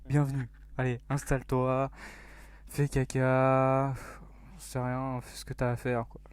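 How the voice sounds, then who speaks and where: A young man narrates his mobile shooter match at an ordinary middle pitch. He jokes, rambles and pokes fun at himself. When danger is close he drops to a low near-whisper. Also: completely flat delivery, moderate pace, a little mellow, clear, resonant tone, no room sound. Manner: joking, self-mocking, rambling with fillers. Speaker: gaming YouTuber. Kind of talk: casual mobile game commentary.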